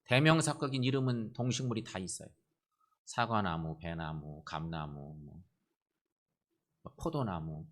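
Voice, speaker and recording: Pastor guy giving a sunday sermon, low-ish voice, keeps repeating his point and asking the people. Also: expressive, a little slow, pauses often. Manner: earnest, repeats key phrases, asks the congregation directly.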